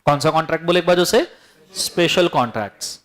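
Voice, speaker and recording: A man with a notably high voice teaches a classroom full of students. He, and he keeps things lively and teasing, firing questions at the class as he goes. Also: quick pace. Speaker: law teacher. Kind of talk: classroom lecture.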